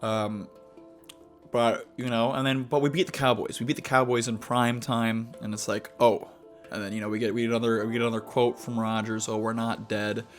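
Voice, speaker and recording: A young man giving casual gameplay commentary, rambling and halting with many fillers and restarts. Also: medium pitch, little pitch movement, soft background music. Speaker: gaming video host.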